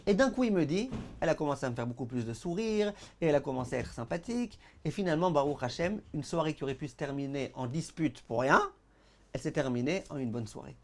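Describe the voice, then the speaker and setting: A man's voice: a little high, fast, a little hiss or hum. A man, a rabbi, giving a Torah lesson to an audience, telling stories and acting out the dialogues. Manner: animated storyteller, acts out dialogues; addresses the audience directly. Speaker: rabbi teaching a class.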